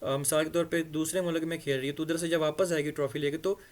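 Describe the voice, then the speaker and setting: Man slowly drilling English pronunciation. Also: a little high, fairly even intonation. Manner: reads English phrases slowly, then explains them at length; repeats words to drill pronunciation. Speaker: English teacher. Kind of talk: explaining an English story in Urdu.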